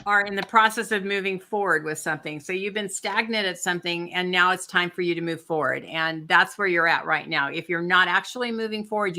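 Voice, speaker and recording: A woman's voice: on the low side, creaky, pushed and bright. A woman giving a chatty, encouraging spiritual card reading with asides and fillers, while she has the hiccups. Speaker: intuitive card reader.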